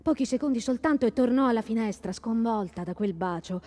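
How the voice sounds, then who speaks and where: Casting: female reader, fairly high voice, measured storytelling. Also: warm tone. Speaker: stage reader. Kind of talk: staged literary reading.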